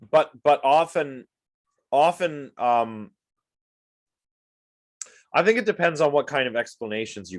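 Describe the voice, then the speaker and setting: A medium-pitched man delivers an informal online lecture on a video call and responds to the chat. Sniffly with allergies, he wanders in his speech, restarting often and leaning on fillers.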